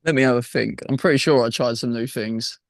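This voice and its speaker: A man's voice: medium pitch, brisk, creaky, dry recording, studio quality. A man with a broad Essex, Estuary English accent chatting casually in an interview, slangy and chatty, often tagging on "man" and "you know what I mean". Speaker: rock band singer-guitarist and songwriter, interview guest. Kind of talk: casual chat.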